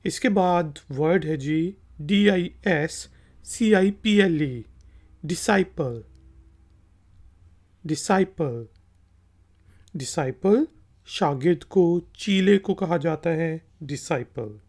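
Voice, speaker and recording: Slow, patient teacher spelling words out. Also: medium pitch, a little mellow. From Pakistan. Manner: spells words out letter by letter, then repeats the word; patient and repetitive. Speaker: language teacher. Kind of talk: explanatory lesson.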